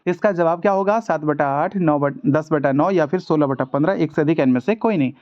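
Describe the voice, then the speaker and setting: A man's voice: on the high side, brisk, darkish tone. A man teaching music theory in a casual video lesson, chatty and repetitive, talking to viewers like friends. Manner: chatty, addresses viewers as brother, repeats ठीक है. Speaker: online music exam tutor. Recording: dull lo-fi audio.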